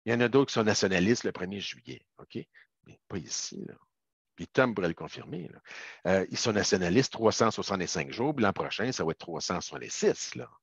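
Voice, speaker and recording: Low-voiced Québécois man, chatty webinar talk. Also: lively intonation, fairly quick, creaky, husky, dry recording. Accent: Québécois French. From Quebec. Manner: chatty, peppers talk with tag words and direct asides to the audience. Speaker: webinar presenter, business lawyer. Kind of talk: casual explanatory webinar talk. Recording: dull lo-fi webinar audio.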